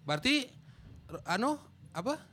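A man's voice: high-pitched, sing-song, moderate pace, pushed and bright, slightly rough. A man co-hosting a casual football podcast, chatty and full of short agreeing replies. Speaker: podcast co-host.

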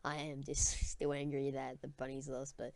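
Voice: mid-range voice, monotone, normal speed, no room sound. A young student with an Australian accent hosting a casual sports chat podcast in matey, slangy talk. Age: teenager or young student. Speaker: podcast host.

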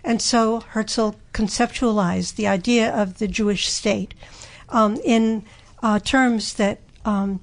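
A woman's voice: mid-range voice, fairly even intonation, slow, vocal fry. A woman explaining history in an interview, speaking hesitantly with many fillers and restarts. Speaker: guest expert.

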